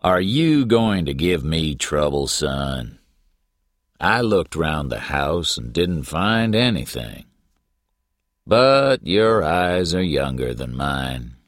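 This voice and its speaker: A man doing a slow, weary old lawman. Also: rumbling low, big pitch swings, dry recording, clean studio sound, heavily acted. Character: weary older male small-town lawman, dry and kindly.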